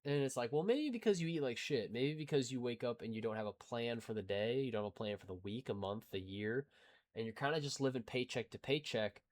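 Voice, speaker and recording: A man's voice: mid-range voice, brisk. A young man in his twenties, a gaming YouTuber chatting casually and rambling to his viewers with self-deprecating asides. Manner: rambling, self-deprecating, talks in restarts and filler.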